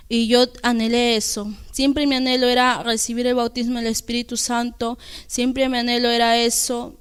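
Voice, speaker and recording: A young woman giving an earnest, halting personal testimony at church, with many restarts. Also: on the high side, smooth. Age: young adult.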